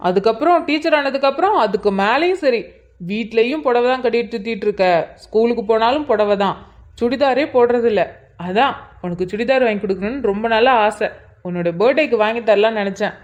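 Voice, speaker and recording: A woman's voice: fairly high pitch, a little fast, highs cut off, lightly acted. A woman voicing a caring, earnest younger brother in a cartoon drama.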